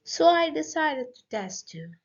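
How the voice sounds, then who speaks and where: A woman's voice: high voice, sing-song, a little slow, voice pushed up, exaggerated voice. A woman reading a sly, superior old witch. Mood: sly, pleased. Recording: dull lo-fi audio.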